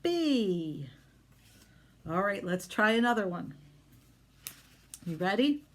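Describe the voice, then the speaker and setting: A woman teaching young children phonics, slowly modeling sounds in an exaggerated way and asking encouraging questions. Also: medium pitch, big pitch swings. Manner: encouraging, question-and-answer talk with pauses.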